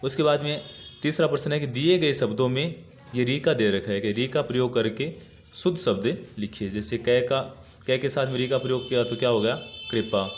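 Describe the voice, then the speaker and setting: A man's voice: medium pitch, moderate pace. Patient male teacher repeating words. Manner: patient, repeats each word while writing it. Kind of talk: workbook answer lesson.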